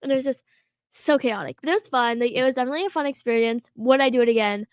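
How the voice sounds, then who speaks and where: A high-pitched teenage girl chats through a rambling story, peppering every phrase with "like" and breaking into laughter. Her voice sits close on a podcast mic in a dead, dry room with no echo. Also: racing, clear, resonant tone. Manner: chatty, full of "like" fillers, laughs often. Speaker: podcast co-host. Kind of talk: casual storytelling chat.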